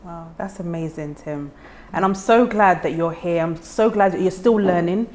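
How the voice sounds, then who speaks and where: A woman from Ghana, raised in the UK, hosting an interview and encouraging her guest with warm, frequent agreement. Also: on the low side, moderate pace, slight background noise. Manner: warm, encouraging, lots of backchannel. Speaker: host.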